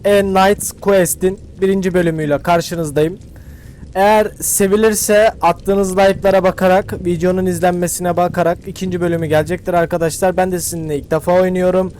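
A young man casually commenting as he plays a video game for his channel, chatty and slangy, thinking out loud as he goes. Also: sits high, steady tone, fairly quick, a little hiss or hum. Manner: chatty, slangy, thinks aloud while playing. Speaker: gaming YouTuber. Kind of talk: casual let's-play commentary.

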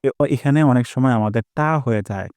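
A man teaching Quran recitation, explaining each sound patiently and drilling it through repetition, with slow, drawn-out chanted examples. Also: mid-range voice, a little mellow, smooth, no echo. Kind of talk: spoken lesson on Arabic pronunciation.

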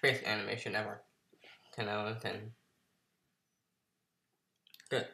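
A man hosting a reaction video, making offhand, deadpan quips. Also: fairly low pitch, slow, creaky, reverberant, very noisy. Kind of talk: casual reaction commentary.

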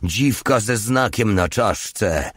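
A man's voice: sits low, slow, no room sound, clean studio sound. A male audiobook reader voicing a crude, leering young soldier who talks in a coarse, mocking way. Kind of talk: audiobook character reading.

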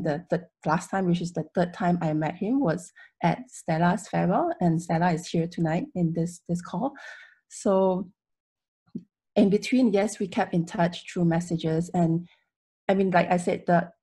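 A woman's voice: fairly low pitch, mellow, slightly rough. A young woman giving a solemn, heartfelt, informal memorial tribute on a video call. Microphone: video call, computer microphone.

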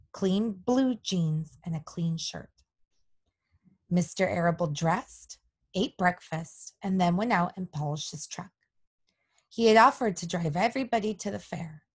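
A woman reading a children's storybook aloud, narrating gently and expressively. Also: on the low side, breathy edge. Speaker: audiobook reader.

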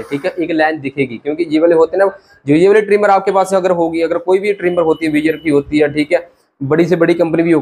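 With a fairly high, husky voice and darkish tone, a young man gives a step-by-step haircut tutorial to camera in a small barbershop. He's talkative and brotherly, keeps saying "theek hai", and is recorded on a clip-on lapel mic.

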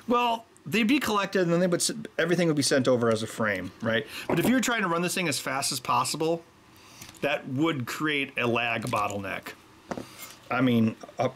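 A middle-aged man at his workbench chats about the soldering he's doing, drifting off into joking tangents. He's an electronics maker and show host, and his voice is a little high and a bit bright.

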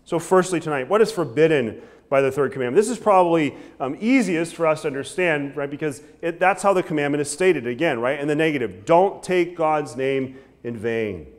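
Animated young pastor preaching from a pulpit. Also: male voice, on the high side, fairly quick. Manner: animated preaching with frequent "right?" asides and hand gestures. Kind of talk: sermon. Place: church sanctuary, preaching at a wooden pulpit.

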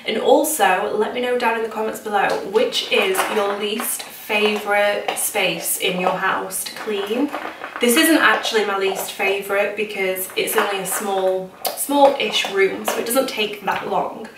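In a home kitchen and small utility room, a British woman in her thirties chats casually to camera as a home vlogger. Her voice is medium-pitched and unhurried, captured on a distant mic in an echoey, noisy space.

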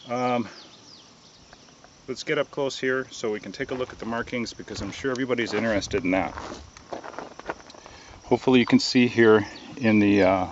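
Male reviewer, lowish voice, relaxed and halting, dull lo-fi outdoor audio with faint crickets. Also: a little hiss or hum. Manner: relaxed, hesitant, many ums and uhs. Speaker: gun reviewer. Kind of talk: casual product review.

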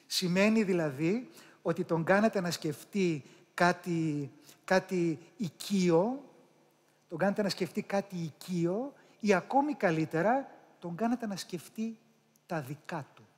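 A Greek man with a Patras accent speaks to a live audience in a room, coaching them on public speaking. He is animated and addresses the listeners directly. He sounds out pronunciations aloud as he teaches. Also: sits high. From Greece.

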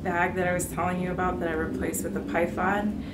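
A woman in her thirties chatting casually to camera in a room at home, bubbly and quick to laugh. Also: lowish voice, flat delivery. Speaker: fashion vlogger. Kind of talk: casual haul chat. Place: bedroom or apartment, indoors. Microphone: camera on tripod, mid-distance. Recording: roomy, noisy indoor recording.

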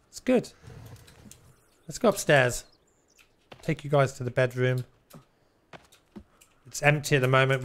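A man giving casual, chatty live gameplay commentary with some teasing. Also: mid-range voice. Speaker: game streamer.

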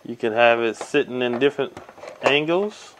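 A man's voice: mid-range voice, a little hiss or hum. Laid-back man talking through a gadget demo. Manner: unhurried, with frequent ums and uhs while narrating each step. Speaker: tech reviewer. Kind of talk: casual hands-on product demo. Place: indoors at a table by window blinds.

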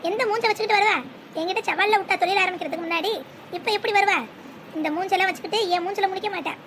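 A woman's voice: very high voice, steady tone, very fast, noisy background. A woman voicing a spiteful, scheming old grandmother in a cartoon, scornful and scolding.

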